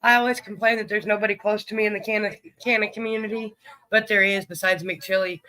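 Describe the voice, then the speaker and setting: A man runs a casual livestream, chatting along and calling out each viewer by name. His voice sits high and rings sharp and bright. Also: level tone, quick pace. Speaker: livestream host.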